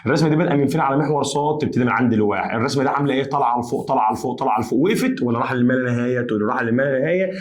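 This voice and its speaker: A man with an Egyptian accent teaching maths at a rapid clip. He talks to his students in a chatty, emphatic way and repeats key phrases over and over. His voice sits at a middle pitch. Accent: Egyptian Arabic. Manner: chatty, addresses students as "ya basha"; repetitive, emphatic. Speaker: math teacher. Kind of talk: energetic whiteboard lesson.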